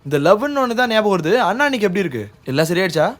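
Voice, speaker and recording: A man's voice: sits high, sing-song, racing, fairly bright tone. An actor playing a nosy young man who asks prying questions, in a drama with music underneath.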